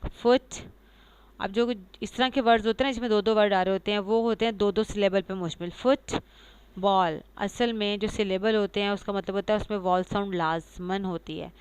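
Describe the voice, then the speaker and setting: A woman giving a pronunciation lecture, explaining patiently, reading English lines slowly and repeating example words. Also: medium pitch, steady tone, clean tone. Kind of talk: lecture mixing Urdu and English.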